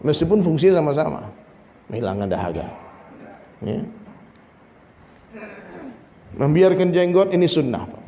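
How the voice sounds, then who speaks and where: A man's voice: fairly high pitch, unhurried, long pauses, muffled recording. Man preaching in a reverberant hall. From Minangkabau, Indonesia. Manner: lively, humorous preaching, often addressing listeners. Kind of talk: sermon. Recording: long reverb, faint ambience.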